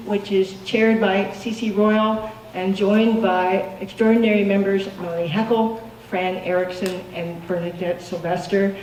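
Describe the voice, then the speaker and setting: A woman's voice: medium pitch, a little mellow, distant mic. A woman hosting a club meeting, chatty and upbeat, with frequent ums as she thanks people and makes announcements. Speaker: branch meeting host. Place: meeting hall with audience. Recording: echoey hall, recorded from afar, audience noise.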